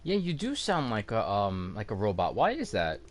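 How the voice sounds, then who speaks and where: A man's voice: lowish voice, huge pitch swings, normal speed. Rambling male game streamer. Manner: rambling, full of fillers and restarts. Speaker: livestream gamer host. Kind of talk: casual gameplay commentary. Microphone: gaming headset.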